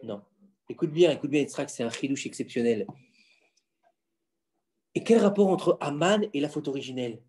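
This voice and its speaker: A man explaining religious stories to his children in a casual home lesson, animated and quizzing them with questions. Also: fairly high pitch, moderate pace, long pauses. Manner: insistent, keeps the floor. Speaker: father teaching his children.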